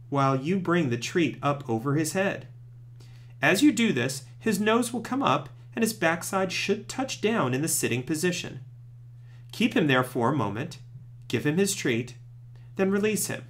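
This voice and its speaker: Male presenter for scripted tutorial narration. Strongly varied intonation, pitch a touch above average, clear instructional delivery. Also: a bit bright. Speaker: presenter of puppy training tips.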